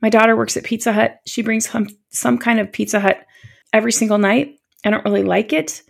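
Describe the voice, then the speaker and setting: A woman in her fifties hosting a solo podcast, speaking in a gentle, encouraging, confiding way to her listeners. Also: a little high, fairly even intonation, fairly quick, creaky. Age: 50s. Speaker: podcast host. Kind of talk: warm solo podcast talk.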